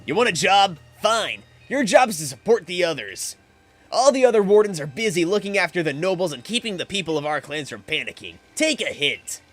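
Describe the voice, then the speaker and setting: A man voicing a young male clan leader, loud and stern as he scolds. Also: sits high, sing-song, brisk, faint music behind, pitched above the performer's own voice, heavily acted. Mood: exasperated.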